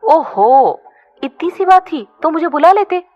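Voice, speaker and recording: A bubbly, chatty young woman who scolds and fusses in a high, lively voice, played by a woman narrator. Her lines bounce up and down. The recording is muffled and lo-fi. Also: unhurried. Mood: scolding. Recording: dull lo-fi recording.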